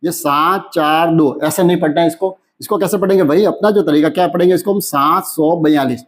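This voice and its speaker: A man teaching a maths lesson in who keeps asking questions and answering them himself, slowing down when he reads out numbers. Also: high voice, fairly even intonation. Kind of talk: classroom lesson explanation.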